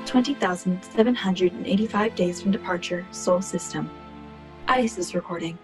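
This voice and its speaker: A woman voicing a calm female ship computer AI, speaking in an even, polite, unnaturally smooth machine manner. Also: lowish voice, normal speed, over music, close to an everyday voice. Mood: formal log. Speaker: ship's computer. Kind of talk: audio drama acting.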